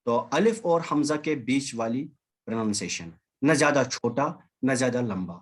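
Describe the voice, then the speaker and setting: A man's voice: medium pitch, animated. A man teaching an online language class over a video call, patiently repeating and drilling examples. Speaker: Arabic teacher.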